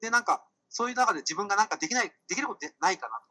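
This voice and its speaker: A woman from Hyogo answers interview questions over an online call. Her voice is bright and animated, moving quickly through polite, slightly hesitant phrases. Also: medium pitch. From Hyogo, Japan. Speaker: podcast guest, trail runner. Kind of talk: interview conversation.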